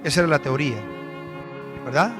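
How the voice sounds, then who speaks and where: High-voiced man preaching in a reverberant hall. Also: fairly quick, music in the background. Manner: storytelling, conversational with rhetorical questions to the congregation. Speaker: pastor. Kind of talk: sermon.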